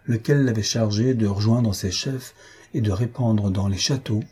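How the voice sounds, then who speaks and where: A man reading a historical tale aloud as an audiobook narrator, in measured, even storytelling. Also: lowish voice, husky. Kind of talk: scripted narration.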